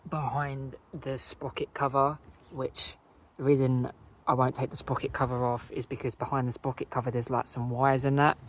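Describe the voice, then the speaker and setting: A man with an Essex accent casually talking through motorcycle maintenance outdoors, relaxed and rambling with fillers and self-corrections. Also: mid-range voice, slight background noise. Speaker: motorcycle vlogger. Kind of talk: casual how-to narration. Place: outdoors beside a parked motorcycle.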